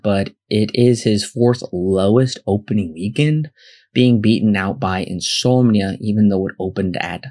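Lower-pitched man narrating film facts. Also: a little mellow. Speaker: podcast host.

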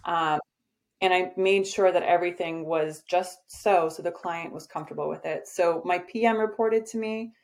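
Speaking at a normal speed in a lowish, steady voice, a woman guest discusses her agency on a podcast. The interview is casual, and she comes across as direct and confident despite a lot of "um"s.

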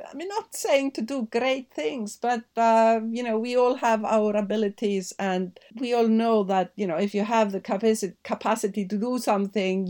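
A woman's voice: fairly high pitch, a little mellow. A middle-aged woman from Iceland with an Icelandic accent, answering interview questions thoughtfully, with many fillers and restarts. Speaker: guest. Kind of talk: podcast interview conversation.

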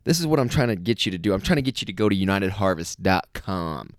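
Guy doing a goofy salesy ad-announcer voice, low and bouncy, dry sound. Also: expressive, fast, no echo. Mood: hammy salesy. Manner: over-the-top, salesy. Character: man in a hammy, pushy ad-announcer voice. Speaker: podcast host reading an ad.

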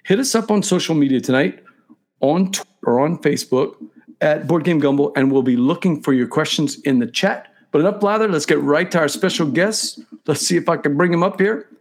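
A man's voice: on the high side, fairly quick, husky. A man hosting a live talk show in a chatty, casual style, speaking straight to his viewers.

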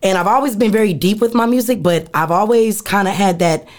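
A woman's voice: mid-range voice, brisk. A woman in her thirties, a rapper, talking candidly and emphatically in a casual interview, often adding "you know what I'm saying". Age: 30s. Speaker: rapper and singer, interview guest.

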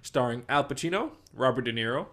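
A man's voice: mid-range voice, lively intonation, fairly quick, noisy background. A man co-hosting a casual movie podcast, rambling and swearing freely as he weighs up films. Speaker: podcast co-host. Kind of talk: casual movie bracket chat.

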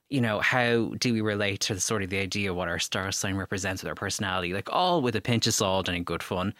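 A man's voice: on the low side, pushed and bright, dry recording, clean studio sound. An Irish man hosting a podcast, introducing the show and chatting casually with his guest. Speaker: podcast host.

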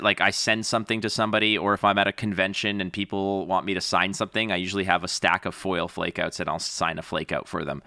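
A man's voice: fairly low pitch, bright, forceful tone, no echo, studio quality. A man co-hosting a podcast about a card game, chatting in an upbeat, rambling way with lots of fillers. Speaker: podcast co-host. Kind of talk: casual chat.

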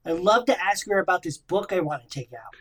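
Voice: medium pitch, expressive, fairly quick, a bit bright. A player speaking in character at a tabletop game, chatty and full of curious questions.

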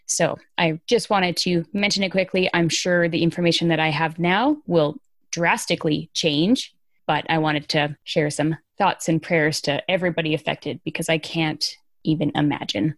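A woman's voice: low voice, fairly even intonation, moderate pace, dry recording. A woman hosting a podcast, talking through news in an informal, emphatic, conversational way. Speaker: podcast host. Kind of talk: casual conversational news commentary.

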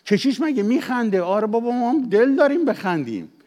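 Older persian-accented pastor preaching in church, higher voice, goes loud then drops real quiet. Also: male voice, big pitch swings. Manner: swings between loud emphatic preaching and quiet confessional asides. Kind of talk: sermon. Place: church, at the pulpit.

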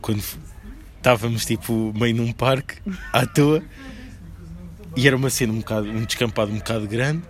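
A man's voice: mid-range voice, steady tone, normal speed. A young man in casual chat, slangy and dropping in English words. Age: young adult.

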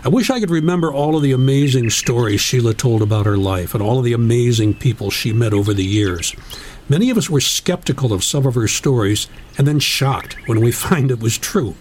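A man reading a written tribute aloud as narrator, in a measured, solemn storytelling manner. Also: mid-range voice, animated, a little mellow, slight background noise.

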